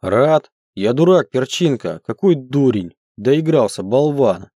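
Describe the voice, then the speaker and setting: A man reading an audiobook, voicing a huge, gruff bear-shifter husband who growls and gives orders, in a dry room. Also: medium pitch, animated, slow pace, warm tone, dry recording. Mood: loud upset. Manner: commanding, bossy. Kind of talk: audiobook character voice.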